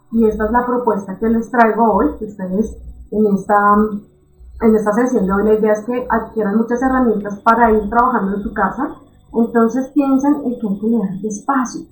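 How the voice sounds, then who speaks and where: A woman teaching an online reading lesson in a lively, encouraging way, often checking in with her students. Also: on the high side, roomy sound, low-quality recording. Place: recorded for an online class.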